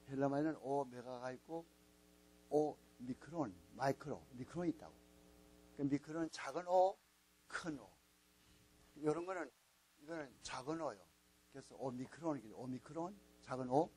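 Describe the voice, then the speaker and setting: A man's voice: medium pitch, darkish tone, low-quality recording. A man lecturing a class as a Bible teacher, patiently spelling things out and repeating key words. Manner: repetitive, coaxing teacher spelling out letters. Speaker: Bible teacher at a missionary training school.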